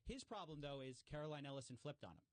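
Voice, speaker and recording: A man talking casually and explaining at length, animated, with frequent fillers and restarts. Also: on the high side, fast talker, dry recording.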